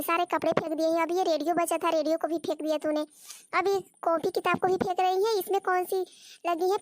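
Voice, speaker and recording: A woman's voice: very high voice, no room sound, studio quality. A woman voicing a nagging, exasperated old mother-in-law in a cartoon story, scolding and repeating herself. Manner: scolding, repeats words, calls on God. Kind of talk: Hindi cartoon story voice acting.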